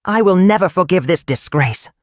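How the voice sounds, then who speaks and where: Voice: mid-range voice, lively intonation, moderate pace, no echo, clean studio sound, voice pushed up, close to an everyday voice. A storyteller voicing a cold, proud groom in a folktale who speaks angrily. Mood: angry. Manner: cold and angry.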